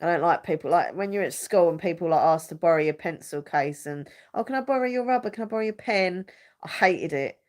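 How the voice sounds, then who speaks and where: A young woman with a blocked-up nose hosts a live chat on her YouTube stream, speaking a little fast in a lowish, darkish voice. She chats casually and rambles, searching for words and using many fillers.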